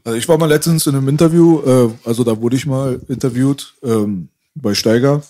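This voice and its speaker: Mellow man asking probing questions. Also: mid-range voice, brisk. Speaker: interviewer. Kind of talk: casual interview.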